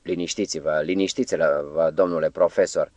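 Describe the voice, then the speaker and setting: Quiet, deep-voiced nervous gentleman, as a male narrator puts him on, smoothing things over. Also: steady tone, dry recording. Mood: placating. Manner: hushed, soothing, falsely gentle. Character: cautious, placating middle-aged man, editor type.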